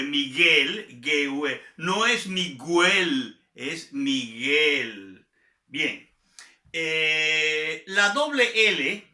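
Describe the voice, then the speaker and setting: A man from Venezuela with a Venezuelan Spanish accent, teaching a Spanish grammar review lesson, slowly repeating and spelling out example words. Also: sits high, bright, forceful tone, reverberant.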